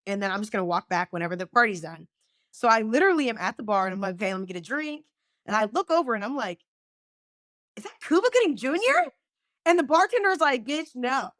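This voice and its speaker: A woman chatting as a podcast guest, telling lively stories, swearing freely and acting out what people said. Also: medium pitch, no echo, studio quality. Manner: animated storyteller, swears freely, acts out quotes. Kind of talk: casual chat.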